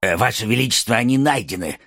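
An actor voicing a fawning, scheming dwarf servant to an evil queen, with a husky voice, in an audiobook. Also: mid-range voice, expressive, fast, fairly bright tone, dry recording, studio quality. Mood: servile. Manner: servile, scheming, obsequious. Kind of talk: audiobook character reading.

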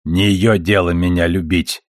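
A man's voice: deep voice, steady tone, unhurried, dry recording, clean studio sound. A man voicing a blunt, foul-mouthed elderly grandmother who speaks curtly and sharply in an audiobook. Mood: gruff. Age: older. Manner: curt and sharp-tongued.

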